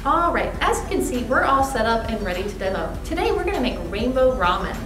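A woman's voice: fairly high pitch, big pitch swings, fairly quick. A young woman giving an upbeat, step-by-step cooking demonstration at a demo kitchen set. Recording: roomy distant mic with music.

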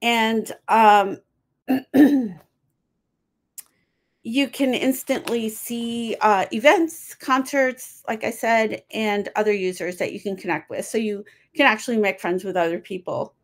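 A woman's voice: fairly high pitch, slow. A woman presenting her team's student project on a video call, upbeat, with many um fillers.

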